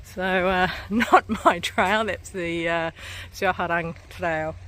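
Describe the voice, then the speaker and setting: Narrating her coastal trail hike, this hiking vlogger is a woman in her forties with a New Zealand accent. Her voice is lowish and fairly bright, with a steady tone, and she takes it slowly. She chats casually, laughs a lot, and is breathy from the stairs she's climbing.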